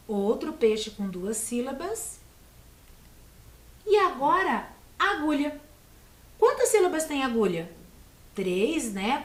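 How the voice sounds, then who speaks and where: Brazilian female schoolteacher, patient and encouraging, higher voice, recorded in an echoey room. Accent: Brazilian Portuguese. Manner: slow, patient, encouraging, sounds out words. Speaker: primary school teacher. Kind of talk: teaching a video lesson to children.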